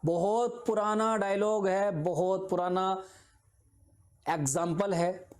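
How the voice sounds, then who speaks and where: A man's voice: high voice, fairly even intonation, slow. A man teaching an exam-prep video lecture. He explains patiently with simple examples, repeats his points and keeps checking in with his students.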